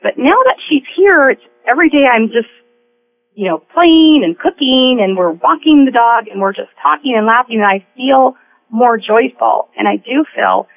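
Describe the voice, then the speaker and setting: A woman's voice: a little high, lively intonation, normal speed, creaky, faint music behind. A middle-aged woman giving a casual personal account as an interview guest over the telephone. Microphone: phone call. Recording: noisy, thin telephone line.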